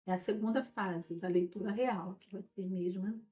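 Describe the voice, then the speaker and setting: A woman's voice: medium pitch, fairly even intonation, moderate pace, dark tone. A woman teacher explaining a lesson patiently, often checking in with her listeners as she goes. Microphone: recorded without a microphone. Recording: dull lo-fi sound without a microphone.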